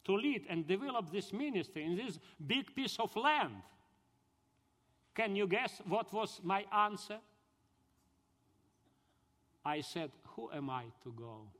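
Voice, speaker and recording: Ukrainian-accented man with a high voice. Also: fairly bright tone. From southern Ukraine. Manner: halting, earnest storytelling in broken English. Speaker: speaker giving his testimony. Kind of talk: personal conversion testimony. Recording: long hall reverb.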